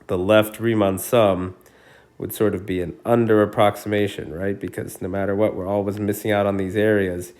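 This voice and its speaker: Guy teaching a calculus screencast, lowish voice, laid back, keeps saying right?, bit of a cough. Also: level tone, moderate pace, darkish tone. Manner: casual, thinks aloud with frequent "right?". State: coughing repeatedly. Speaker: math teacher. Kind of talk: screencast lesson talk. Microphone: screencast recording mic.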